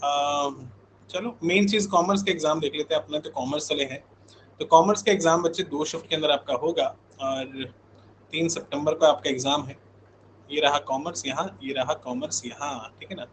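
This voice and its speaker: Speaking at a moderate pace, this man has a voice on the high side. He's in his thirties, from India, and teaches online coaching, chatting conversationally with his live class while repeating check-in tags. Expect slight background noise and rough recording quality.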